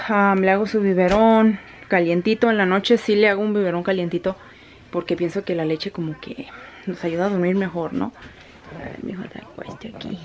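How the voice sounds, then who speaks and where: A woman's voice: medium pitch, a little mellow, a little hiss or hum. A woman with a Mexican accent chatting casually in a rambling way as a vlogger at home. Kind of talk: casual chat.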